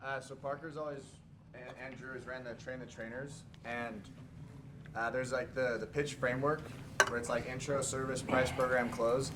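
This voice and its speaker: A man speaking casually at a training session, his talk full of "like". He sounds far from the mic, with clear background noise in the room. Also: mid-range voice, little pitch movement, normal speed. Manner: casual, many fillers like "like". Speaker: sales trainer.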